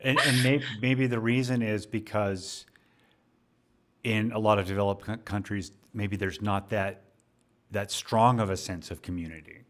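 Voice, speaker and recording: A man's voice: lowish voice, measured pace, fairly bright tone. A man co-hosting a podcast, speaking hesitantly in candid conversation and often repeating words as he searches for them. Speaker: podcast co-host.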